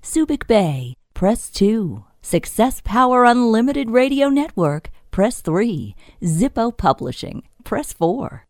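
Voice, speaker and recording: A woman's voice: fairly high pitch, big pitch swings, slow, few pauses, no room sound, studio quality. A woman reading automated phone menu prompts in a polished, friendly way, with the odd playful aside. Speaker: voice-over artist. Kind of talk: phone system prompts demo.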